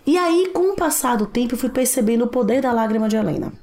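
A woman talking in a casual conversation about raising her children, earnest and animated, acting out quotes as she tells her stories. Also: on the high side, fast talker. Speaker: mother and podcast guest.

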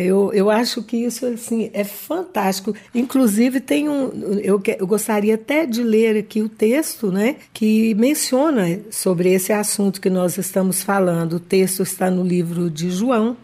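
Mellow-voiced Brazilian woman co-hosting a Bible talk. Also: medium pitch. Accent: Brazilian Portuguese. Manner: hesitant, repeats words while searching for them. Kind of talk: conversational Bible talk and reading.

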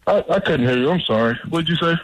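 A young man speaking over the phone as a guest in an interview, giving relaxed, brief answers and often repeating words. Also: a little high, fast talker, dry recording. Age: young adult. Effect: heard over a phone line. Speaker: football draft prospect guest. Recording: noisy phone line from afar.

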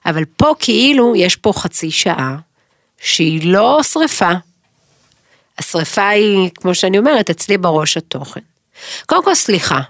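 A middle-aged woman co-hosting a podcast in casual chat, rambling, emotional and quick to joke. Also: mid-range voice, sing-song, no room sound, studio quality. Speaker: podcast co-host.

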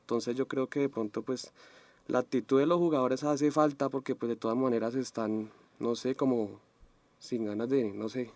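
A man's voice: medium pitch, steady tone, normal speed, a little mellow, no room sound. A man on a sports panel talking about football hesitantly, with lots of fillers and slang. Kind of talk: casual football talk.

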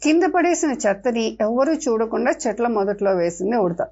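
Older woman, children's storyteller, gentle expressive narration, slightly high voice, dull lo-fi recording. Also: normal speed, husky. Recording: dull lo-fi with faint music.

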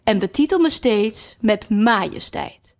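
A woman's voice: medium pitch, lively intonation, slow pace, vocal fry. A woman reading aloud voices a haughty, commanding queen who gives strict orders in a storybook. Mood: imperious.

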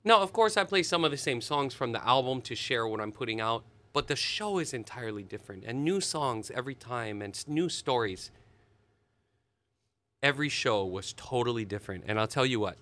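A man, a musician telling stories in an animated, expressive way during an interview. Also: medium pitch, fairly quick. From Hawaii. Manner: animated, expressive storyteller with sudden laughs. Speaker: musician guest. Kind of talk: casual storytelling interview.

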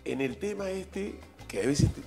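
A man's voice: on the high side, normal speed, gravelly. Middle-aged male host, Peruvian Spanish accent, playful and chatty, raised voice, music in the background. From Peru. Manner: lively, joking, laughs often. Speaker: podcast host. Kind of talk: casual chat.

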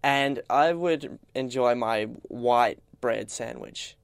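Young man, teasing podcast banter, mid-pitched voice, dry close mic. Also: takes it slowly, smooth, dry recording. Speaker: podcast co-host. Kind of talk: casual chat.

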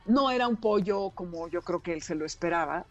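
A woman's voice: lowish voice, a little fast, dull audio, faint music behind. A woman with a Mexican Spanish accent, a radio broadcaster telling anecdotes in casual chat and acting out the people in them. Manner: animated storyteller who acts out quoted voices.

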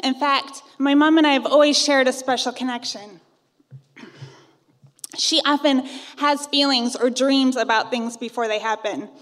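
A woman's voice: high voice, steady tone, unhurried, fairly bright tone, in a large hall. A woman in her thirties from Iowa, narrating a personal ghost story in a wry, conversational way. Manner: wry, conversational, self-teasing.

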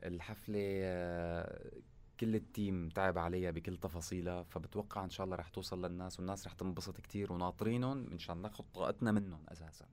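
Fast-talking, low-voiced Syrian man. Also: fairly even intonation, darkish tone. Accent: Syrian Arabic. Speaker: musician interviewed as a guest. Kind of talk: casual conversational interview.

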